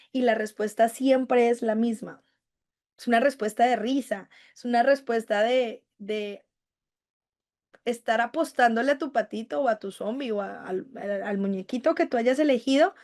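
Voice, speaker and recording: A woman's voice: fairly high pitch, darkish tone. A woman giving a conversational online lecture to teachers, explaining with examples and often restarting her sentences. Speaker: university teaching instructor. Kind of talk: live online class lecture.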